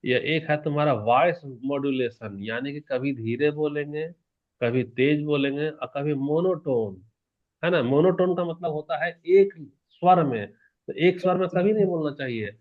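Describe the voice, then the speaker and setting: A male teacher giving an exam-prep lecture in a lively manner, asking questions and answering them himself while shifting between soft and loud. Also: on the high side, unhurried, phone-quality sound. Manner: animated, varies loudness and pace, asks questions and answers them himself.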